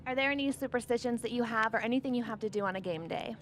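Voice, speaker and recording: A woman with a slightly high voice works as a sports interviewer. She puts her questions in a conversational way. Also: very fast, a little hiss or hum.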